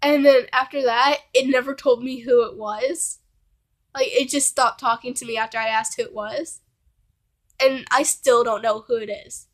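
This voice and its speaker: A high-pitched young woman talks to camera in a loose, rambling storytime chat, leaning on filler words at every turn. She sounds under the weather, like someone home sick. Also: fairly even intonation, moderate pace. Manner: rambling, fills with "like" constantly. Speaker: vlogger.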